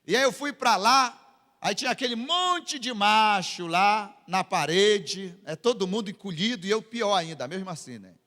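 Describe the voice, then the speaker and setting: A man's voice: high-pitched, expressive, normal speed, sharp tone, in a large hall. A Brazilian man preaching a sermon as a pastor in a church, with dramatic delivery that acts out the scripture lines. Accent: Brazilian Portuguese.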